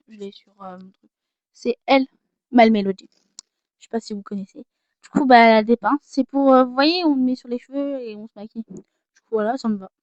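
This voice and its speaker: A teenage girl chats casually in a haul vlog, showing off her gifts with self-mocking humor and getting easily sidetracked. Her voice is a little high, and the recording is dry and muffled.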